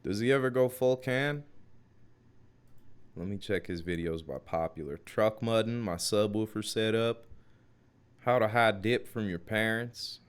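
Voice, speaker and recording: A man's voice: on the low side, measured pace, clear, resonant tone. A man streaming live, reacting casually to videos and joking with his chat. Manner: laid-back, joking asides to chat.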